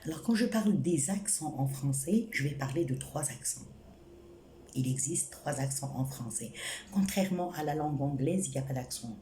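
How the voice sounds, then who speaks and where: A woman with a low, mellow voice gives a French lesson at an unhurried pace. She repeats her points and spells out examples one by one. The room sounds echoey, with a faint hiss. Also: animated. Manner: slow, repetitive, spells out examples. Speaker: French teacher. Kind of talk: spoken grammar lesson.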